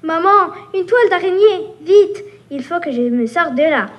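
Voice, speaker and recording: A woman's voice: sits high, measured pace. A woman reading aloud as a cheeky, teasing little female mosquito, taunting and buzzing. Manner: taunting, playful, buzzing sounds. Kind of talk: reading a story aloud at a workshop.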